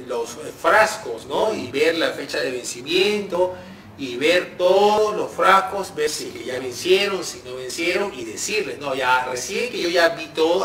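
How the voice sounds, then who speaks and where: A man's voice: on the high side, a bit bright. Echoey far-off male paramedic instructor. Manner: conversational, tag questions, acts out dialogue. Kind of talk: informal classroom lecture. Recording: echoey room, voice from afar, faint hum.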